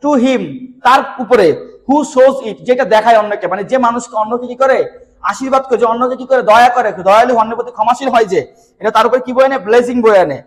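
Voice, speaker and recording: Bangladeshi guy teaching english, really high voice, talks fast, reads lines slow then asks the class stuff. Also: steady tone, rough recording. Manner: reads each English line slowly, then explains at length with questions to the students. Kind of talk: lesson explaining a text line by line.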